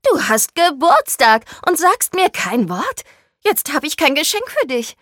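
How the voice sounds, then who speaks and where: A woman voicing a cheeky, loud teenage schoolgirl with excitable outbursts in an audiobook. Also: normal speed, no echo, studio quality. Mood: excited. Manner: excitable, shrill outbursts, ironic. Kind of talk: audiobook character voice.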